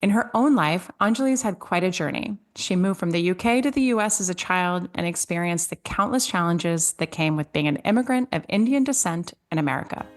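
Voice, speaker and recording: A woman's voice: lowish voice, expressive, a little fast, few pauses. A woman hosting an interview podcast, upbeat and enthusiastic as she introduces her guest and asks questions. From born in Switzerland, raised abroad. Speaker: podcast host.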